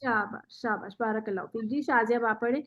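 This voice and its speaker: A woman teaching Quran recitation in an online class, patiently modelling words slowly and praising the student. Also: on the high side, a bit bright, muffled recording. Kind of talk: online tajweed lesson.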